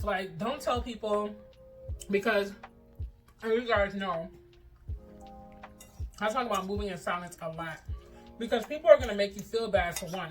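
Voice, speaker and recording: A young woman vlogger chatting casually in a slangy, animated way, telling personal stories and giving advice, often acting out dialogue. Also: medium pitch, recorded from a distance.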